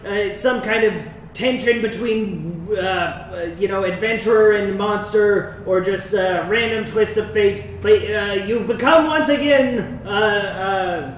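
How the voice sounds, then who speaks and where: A man's voice: high-pitched, unhurried, few pauses. A man narrating as game master of a tabletop game, rambling with many fillers. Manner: rambling, filler-heavy, laughs easily. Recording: echoey room, distant mic, noisy.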